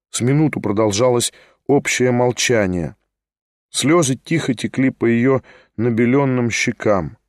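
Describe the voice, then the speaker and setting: A man narrating a literary audiobook in an even, measured way. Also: medium pitch, no echo, clean studio sound.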